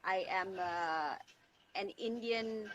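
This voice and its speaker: Speaking slowly in a mid-range, slightly bright voice, a woman from Tanzania, a teacher and mental health advocate, responds as an interview guest. She talks conversationally, hunting for words and repeating phrases to stress them, over an online call with faint background noise.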